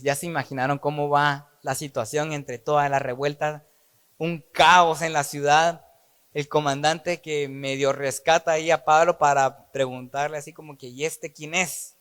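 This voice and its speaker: Male preacher, slightly high voice, slow deliberate sermon delivery, animated storytelling, reverberant church hall. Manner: animated, acts out dialogue with jokey asides.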